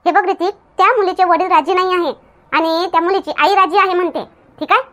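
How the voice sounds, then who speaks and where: Lady doing a worried village aunt, varhadi accent, really high voice, lectures and keeps going "okay?". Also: steady tone, quick pace, fairly bright tone. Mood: lecturing. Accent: Varhadi Marathi. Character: worried village aunt advising her nephew. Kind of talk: comedy sketch acting.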